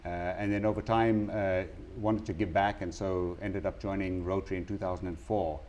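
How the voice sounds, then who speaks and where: Interview guest, middle-aged man from Zimbabwe, deep, measured, faint hiss. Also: fairly even intonation, darkish tone. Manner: measured, factual, with frequent "uh". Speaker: guest, Rotary water projects chair. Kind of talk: interview answers.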